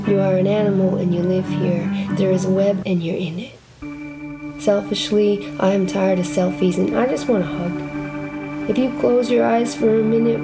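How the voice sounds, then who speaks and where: A woman performing a reflective spoken-word monologue, slow and deliberate, speaking intimately to the listener and asking many questions. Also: medium pitch, rough recording. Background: loud guitar music.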